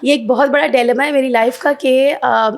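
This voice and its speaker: A woman from Pakistan in her forties, talking as a guest on a podcast. Her voice sits a little high. She chats easily and slips English words in as she talks. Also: vocal fry. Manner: mixes English into Urdu, animated. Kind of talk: casual conversation. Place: podcast studio.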